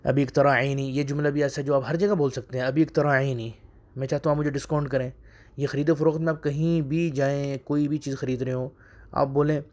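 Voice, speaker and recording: A man teaching in a casual spoken lesson, repeating them slowly and often checking "okay?". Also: mid-range voice, warm tone. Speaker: Arabic teacher.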